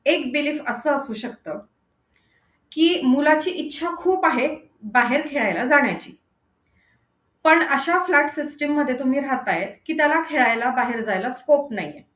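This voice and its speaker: A woman's voice: sits high, expressive, normal speed, fairly bright tone, reverberant. A woman giving a parenting lecture who keeps asking her listeners questions and repeats phrases for stress. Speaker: parenting coach.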